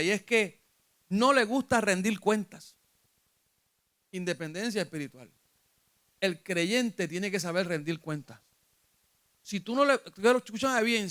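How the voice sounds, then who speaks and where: A man's voice: high-pitched, fairly bright tone, clean tone. A man with a Puerto Rican accent preaching a sermon as pastor, asking his congregation questions and rising when he retells scripture. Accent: Puerto Rican Spanish.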